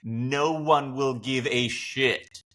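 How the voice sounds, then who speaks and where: Speaking slowly at a medium pitch, this man keeps a fairly even intonation and a fairly bright tone. An audio drama creator appearing as a podcast guest, he chats casually, sounding reflective, encouraging and informal.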